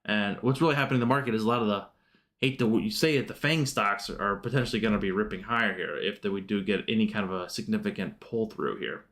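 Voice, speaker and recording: A man's voice: lowish voice, fast, fairly bright tone. Rambling man talking stock charts. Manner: rambling, lots of fillers and restarts. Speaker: stock market livestream host. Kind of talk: casual market commentary over charts.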